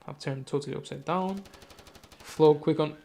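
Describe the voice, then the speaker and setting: A man casting a live esports match, giving quick play-by-play with chatty asides and self-corrections. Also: on the high side, vocal fry. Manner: rapid, self-correcting, chatty asides, sudden excited outbursts. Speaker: esports caster.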